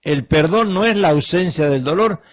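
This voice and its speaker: A man's voice: a little high, expressive, normal speed. A middle-aged man preaching a sermon as a pastor, emphatic and full of rhetorical questions.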